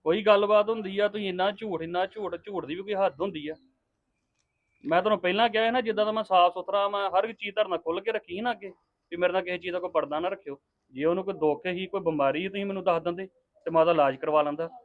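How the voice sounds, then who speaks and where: Stern lecturing husband played by a man, high voice, fast, tinny phone-like sound. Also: natural voice. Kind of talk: family drama acting.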